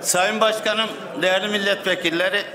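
Older guy speaking up from his seat, halting but insistent, high pitched, echoey. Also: steady tone. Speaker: member of parliament. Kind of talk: impromptu remarks from his seat. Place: parliament chamber, from his seat. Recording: echoey hall with crowd noise.

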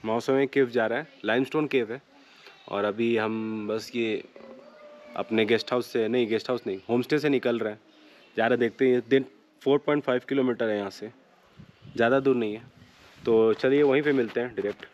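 A travel vlogger narrates his trip in a brisk, medium-pitched voice, chatting casually as he walks outdoors and then into a limestone cave. He's excited and talkative, dropping English phrases and exclamations along the way, and the audio sounds dull.

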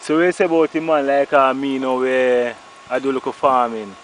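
A man's voice: mid-range voice, fairly even intonation, normal speed. A Jamaican man asking questions casually in patois, as an interviewer filming outdoors. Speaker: interviewer filming a video, farmer. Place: outdoors on a village roadside. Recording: outdoor, faint background noise.

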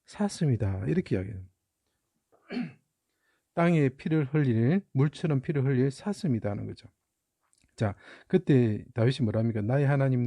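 Man, middle-aged, very dark mellow tone, dry sound, emphatic Bible lecture, rhetorical questions. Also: mid-range voice, dry recording. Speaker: Bible character teacher. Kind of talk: lecture on Bible Chinese characters.

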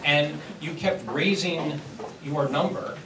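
A man on a school board answering a resident at a public meeting, measured and explanatory, with frequent restarts. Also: a little high, a crowd in the background. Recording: echoey room from far off, noisy.

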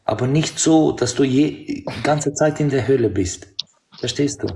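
A man's voice: mid-range voice, unhurried, vocal fry, warm tone. A man in an online voice chat debate, explaining his belief and asking to finish speaking. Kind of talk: heated religious debate.

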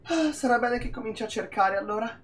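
A man's voice: very high voice, fairly quick. A man from Italy streaming an indie game, rambling and swearing casually as he talks through it. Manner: animated, rambling, swears a lot. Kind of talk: casual gameplay commentary.

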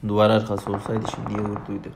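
A man's voice: lowish voice, monotone, fast talker, background noise. A man giving casual commentary over mobile game footage, exasperated and ranting as he watches a cheater. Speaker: gaming YouTuber.

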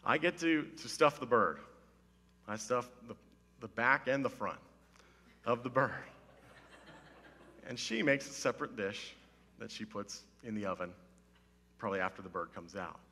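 Wearing a headset mic on a wood-panelled church stage, a pastor in his thirties jokes his way through a loose, humorous sermon, staging mock-serious drama and poking fun at himself. His slightly hoarse voice is medium-pitched, bright, forceful and animated, at normal speed with long pauses, and the hall adds a long reverb after each line.

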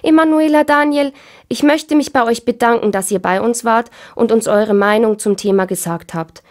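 A woman playing a polite, measured host of a radio discussion. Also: fairly high pitch, natural voice.

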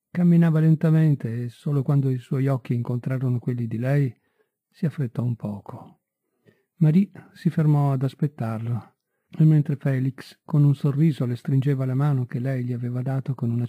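A man reading a literary story aloud in a measured, unhurried way, on a tinny, dry recording. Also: medium pitch, dry recording. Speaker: audiobook reader. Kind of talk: literary audiobook narration.

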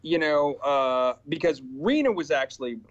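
A man in his forties, an actor appearing as a guest in a casual video call interview, tells stories from sets with animated, acted-out quoted exchanges. His voice is a little high at a normal speed. He's in a small indoor room with purple backlighting, and the webcam audio sounds slightly dull and lo-fi.

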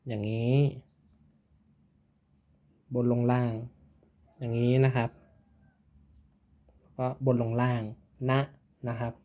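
A man's voice: medium pitch, level tone, a little slow, long pauses, darkish tone. A man teaching a writing lesson, patiently repeating each syllable and stroke order. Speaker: Japanese teacher. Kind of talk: slow step-by-step writing lesson.

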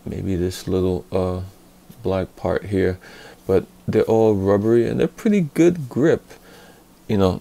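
A man with a dark, mellow, somewhat gravelly voice talks through a hands-on tool review. He speaks very slowly and unhurriedly, pausing often with fillers and restarting his sentences. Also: on the low side. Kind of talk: casual hands-on product review.

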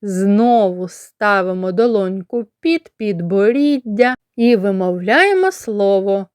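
A woman kindergarten teacher from Ukraine giving a slow lesson to children, spelling out sounds and syllables with careful, deliberate articulation. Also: medium pitch, lively intonation, a little mellow, clear, resonant tone, dry recording, studio quality.

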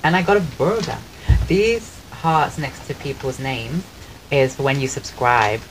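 Soft-voiced man chatting on a noisy stream. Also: medium pitch, unhurried. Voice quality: soft voice often mistaken for a woman's on the phone. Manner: chatty and rambling, thanks viewers while eating. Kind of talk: casual live-stream chat. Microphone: desk microphone. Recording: clear background noise on the stream mic.

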